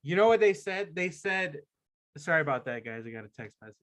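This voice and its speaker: A man's voice: a little high, animated, brisk, a bit bright. A man co-hosting a podcast in laid-back, profane banter. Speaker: podcast co-host. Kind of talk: casual chat.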